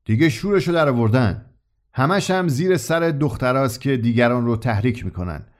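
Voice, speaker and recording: A man voicing a furious male prison warden who shouts orders and curses. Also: medium pitch, animated, voice pushed down, close to an everyday voice. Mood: fuming.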